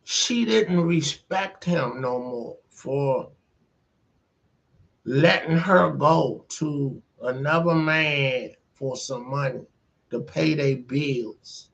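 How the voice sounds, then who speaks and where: A man's voice: medium pitch, drawn-out words, vocal fry, a bit bright, highs cut off. A man casually retelling a movie plot and giving his opinion, in a laid-back, slangy, rambling way. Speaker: host.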